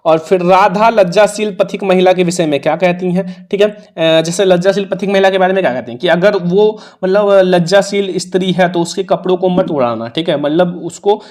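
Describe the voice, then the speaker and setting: A man's voice: sits high, normal speed, few pauses, a little mellow. A man with a Hindi accent teaching an exam prep lesson in a casual, coaxing way, repeating the answers and the marks.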